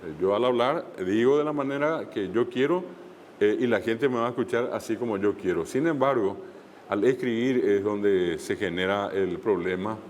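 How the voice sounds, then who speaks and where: A low-voiced man teaches an online language class, patiently spelling out sounds and repeating examples with frequent hesitations. His voice carries a long reverb, and a faint hiss sits under it. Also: moderate pace, a little mellow.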